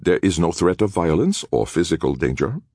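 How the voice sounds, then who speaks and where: A man's voice: low-pitched, very animated, moderate pace, dark tone, no room sound, voice pushed up, full character voice. Man voicing a fussy polite bureaucrat, evasive, prim, raised voice, dry. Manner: prim, hesitant, polite formality.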